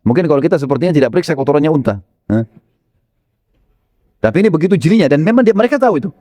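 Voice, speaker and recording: A male preacher tells a story with lively, animated delivery and a slightly high voice. He often turns to his listeners with friendly asides and tag fillers. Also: rapid-fire. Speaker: Islamic preacher. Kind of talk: storytelling sermon.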